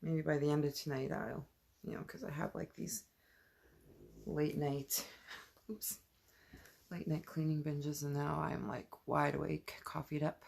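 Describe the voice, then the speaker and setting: A woman chatting casually in a rambling late-night vlog, at home and then outside in the dark, sometimes dropping to a whisper. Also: sits low, steady tone, measured pace, gravelly, long pauses. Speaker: vlogger.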